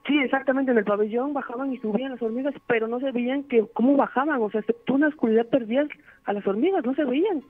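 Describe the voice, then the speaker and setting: A man's voice: very high-pitched, quick pace. Caller: man, rambling storyteller, heard through a tinny phone line. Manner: rambling, many "este" fillers. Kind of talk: telling a true scary story.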